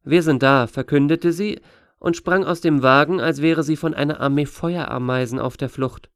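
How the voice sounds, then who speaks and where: A man narrating an audiobook in steady, measured storytelling. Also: on the high side, clean tone, dry recording, studio quality. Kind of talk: scripted narration.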